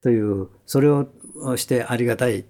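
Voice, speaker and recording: A man calmly explaining breathing and what makes a good voice, step by step. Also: medium pitch, moderate pace. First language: Japanese. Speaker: voice expert guest.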